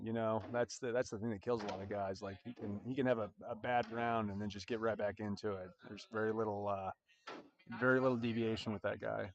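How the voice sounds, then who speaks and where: A man giving relaxed, chatty live commentary on a tournament stream, talking straight to viewers. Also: on the low side. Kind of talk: casual livestream commentary. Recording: faint background noise and clicks.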